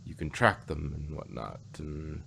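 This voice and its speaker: This co-host has a creaky bass voice that is bright and forceful, speaking at a measured pace. Reviewing audio dramas in a casual podcast discussion, he rambles and repeats phrases, with noticeable background noise in the recording.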